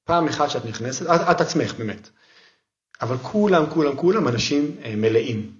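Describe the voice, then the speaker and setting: A man's voice: reverberant, lo-fi sound. A man as a podcast guest giving parenting advice through vivid, emphatic anecdotes. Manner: animated storyteller, emphatic, lively pitch swings.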